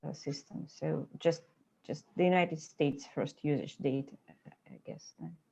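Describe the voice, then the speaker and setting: A woman's voice: sits low, a little slow, vocal fry, warm tone, breathy edge. A woman hosting an online meeting and asking a question, speaking hesitantly with frequent fillers over a video call. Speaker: host and translator.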